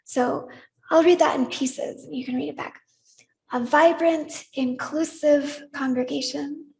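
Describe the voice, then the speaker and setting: A woman leading a congregation in worship, gently inviting them to repeat words back to her. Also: high-pitched, fairly even intonation, a little slow, vocal fry, poor audio. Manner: gentle, inviting, leads call-and-response. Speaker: service leader. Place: church sanctuary.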